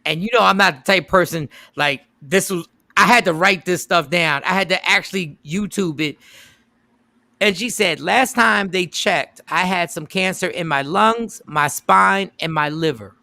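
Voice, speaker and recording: A man hosting a radio show, retelling a story in an animated, casual way and stopping to repeat the lines that matter. His voice is bright and a little gravelly, and the sound is dry and close to the mic. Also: sits high, normal speed, no echo.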